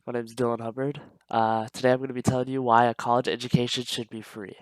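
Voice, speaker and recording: A young man with a stuffed-up, slightly nasal voice, reading a prepared persuasive speech as a student, earnest and steady with small stumbles. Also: medium pitch, fast talker, no echo, poor audio.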